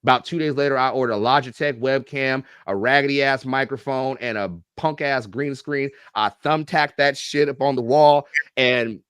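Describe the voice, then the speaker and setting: Middle-aged male guest, lively joking storyteller with a salty mouth; mid pitch, dry recording. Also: normal speed, few pauses, smooth, dry recording. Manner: animated, profane, joking storyteller. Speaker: guest, YouTube reactor and coach. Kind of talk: casual podcast storytelling.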